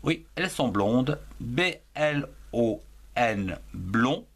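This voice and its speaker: A man's voice: medium pitch, animated, vocal fry, husky. A man teaching young children to write, spelling words letter by letter and sounding out each syllable. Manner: slow and deliberate, breaks words into syllables. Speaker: primary school French teacher. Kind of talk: slow dictation lesson, spelling words aloud letter by letter.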